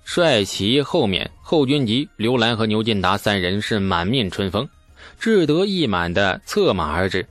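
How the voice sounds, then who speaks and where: A man narrating a historical novel as an audiobook in a steady storytelling manner. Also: lowish voice, moderate pace, no echo, faint music behind. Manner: steady storytelling with asides to listeners.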